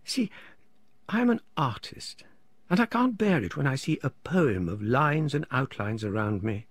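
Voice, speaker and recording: A man's voice: medium pitch, sing-song, a little slow, no room sound, pitched above the performer's own voice. A man reading a fervent artist lamenting. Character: theatrical male artist, grandly lamenting.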